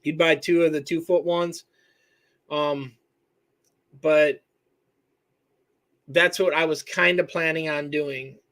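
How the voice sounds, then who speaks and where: Casual live-stream host from Michigan, high, bright voice, rambling answers. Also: male voice, fairly even intonation, slow pace, long pauses. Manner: rambling, self-correcting, reads chat names aloud. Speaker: host answering viewer questions.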